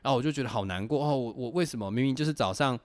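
A young man telling personal stories on a casual podcast, animated and laughing as he talks. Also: medium pitch, racing. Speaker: podcast host. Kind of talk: casual storytelling chat.

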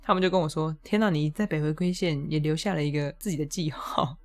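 A woman hosts a podcast and tells a story in a casual, chatty way. Her voice sits fairly low, then jumps high in exasperated bursts. She laughs often as she talks. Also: quick pace, darkish tone. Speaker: podcast host.

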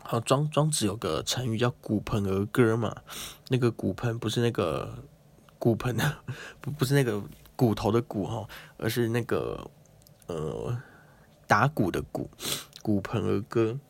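A man's voice: on the low side, lively intonation, measured pace, gravelly, breathy edge. A man hosting a casual, playful explainer talk, chatting and acting out quotes. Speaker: host.

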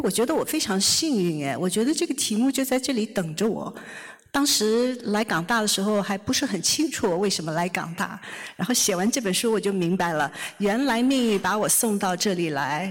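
A woman professor on stage at a public talk, speaking with eager enthusiasm and acting out quoted lines. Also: mid-range voice. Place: university lecture hall on stage. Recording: long reverb of a large hall.

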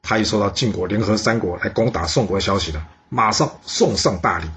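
A man's voice: fairly low pitch, a little fast, fairly bright tone, dull audio, slight background noise. A man telling an ancient history story in a chatty way, with rhetorical questions.

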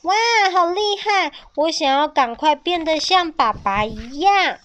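一位女性在给孩子讲的故事里扮演一只天真黏人的甲龙宝宝，声音尖细稚嫩。. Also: female voice, a little slow, muffled recording. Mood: admiring. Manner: high childlike pleading. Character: little baby ankylosaur, sweet, clingy, eager.

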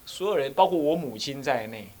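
A man's voice: mid-range voice, fairly quick, raised voice. Taiwanese abbot guy preaching, tells stories, swings his voice all over. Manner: animated storytelling, acts out scolding voices, asks the listeners questions. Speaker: abbot and Buddhist teacher. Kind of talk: dharma talk with personal stories.

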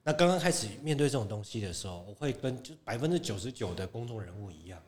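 Animated man in frank podcast chat. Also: fairly low pitch, fast. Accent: Taiwanese Mandarin. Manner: animated, frank, laughs often, mimics critics. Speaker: podcast guest, fitness competitor.

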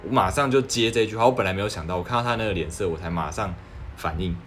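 A man's voice: on the low side, very fast, fairly bright tone, soft background music. A man. He is a young doctor giving casual advice, earnest and persuasive, often asking rhetorical questions. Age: 20s.

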